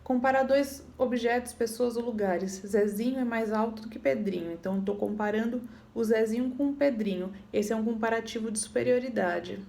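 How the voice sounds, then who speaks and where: A woman's voice: a little high, a little fast, vocal fry, hardly any pauses, warm tone. A woman teaching an English grammar lesson, patiently explaining rules and checking in with her students. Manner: patient, repeats points, checks in with "tá bom?".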